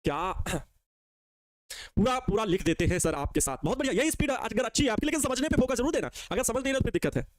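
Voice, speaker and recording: A man's voice: extremely high pitch, very animated, rapid-fire, few pauses, no echo, clean studio sound. A male physics teacher with a Bihari Hindi accent giving a live online lecture, answering questions he voices for the students and coaxing them to repeat after him.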